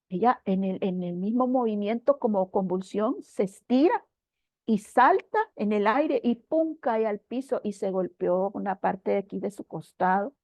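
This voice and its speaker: A woman's voice: medium pitch, darkish tone, no room sound. A woman giving a personal spiritual testimony at church, telling her story with earnest emotion and addressing her listener as brother. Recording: dull, dry, slightly lo-fi recording.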